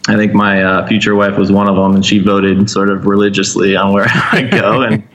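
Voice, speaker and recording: A man's voice: fairly low pitch, flat delivery, normal speed, fairly bright tone, poor audio. A man from Vermont, a guest in an interview, talking in a hesitant, thoughtful way with many fillers. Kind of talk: casual interview chat.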